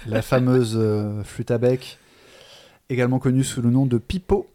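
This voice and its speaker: A man co-hosting a casual literary discussion podcast, talking in a chatty, hesitant way with many pauses and restarts. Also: mid-range voice, steady tone, warm tone. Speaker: podcast co-host.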